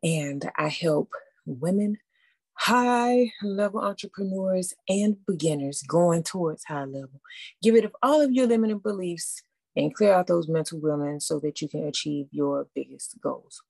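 Low, gravelly-voiced woman coach. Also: normal speed, mellow, no room sound. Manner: casual, upbeat, addresses listeners directly with frequent "okay?". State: out of breath after running upstairs. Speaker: coach hosting a masterclass. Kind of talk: live online masterclass teaching.

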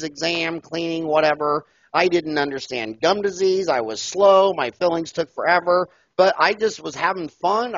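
An older man and dentist, talking loudly and emphatically, telling stories in an animated interview over a headset mic on a video call. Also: on the high side, no echo. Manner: loud, emphatic, storytelling. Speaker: dentist and podcast guest. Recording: dull, lo-fi call audio.

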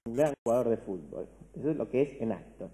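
Man, Argentine Spanish accent, philosophy lecturer, conversational, dark mellow voice, big echoing hall. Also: medium pitch, expressive, fast. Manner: conversational, asks "¿no?" often, restarts words. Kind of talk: university-style lecture to a large audience. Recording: long hall reverb.

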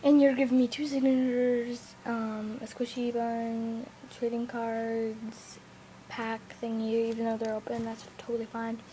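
Chatty excited woman, noisy home camera. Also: on the high side, measured pace. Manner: chatty and excited, many fillers, drops to a whisper at times. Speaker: vlogger. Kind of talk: casual video message to a friend. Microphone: video camera. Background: background music and family talking.

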